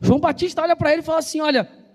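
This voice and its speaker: A man with a Brazilian Portuguese accent preaching a sermon in a church, talking fast and loud and firing call-and-response questions at the congregation. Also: very high voice, flat delivery, a little hiss or hum. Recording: reverberant church hall with soft instrumental music.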